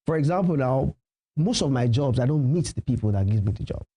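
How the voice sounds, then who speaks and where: A Nigerian professional MC and event host, a native Yoruba speaker, appears as a guest on a conversational TV interview, giving emphatic advice and repeating key phrases. His mid-range voice is mellow, with lively intonation and a brisk pace.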